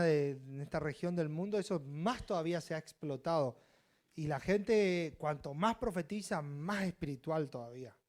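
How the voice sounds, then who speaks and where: Animated preaching man, mellow voice. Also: fairly high pitch. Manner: preaching with animated swings between loud scripture reading and quiet asides. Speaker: pastor. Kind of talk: sermon.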